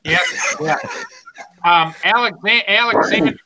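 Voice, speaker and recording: A man's voice: high-pitched, unhurried, heavy background noise. A man in his sixties chatting on a stream, cracking wry jokes and stammering on repeated words. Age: 60s. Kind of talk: casual chat on a live stream.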